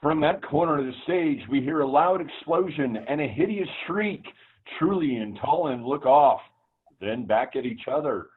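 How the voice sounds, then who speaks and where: A man's voice: fairly high pitch, expressive, moderate pace, husky. A man giving scripted narration, reading out stage directions. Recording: tinny, phone-like online audio.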